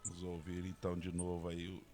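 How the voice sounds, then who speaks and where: Male pastor, deep voice, opens an online Bible study and leads prayer. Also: completely flat delivery, fairly quick, mellow, soft background music. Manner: speaks directly to online viewers, earnest prayer.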